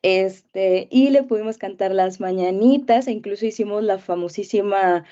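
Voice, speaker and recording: A young female teacher with a Mexican accent gives casual interview answers about her life, rambling easily and warmly, with small hesitations and fillers like "eh" and "este." Her mid-range voice is mellow and dark, at a moderate pace. The audio is dull and muffled, like a video call.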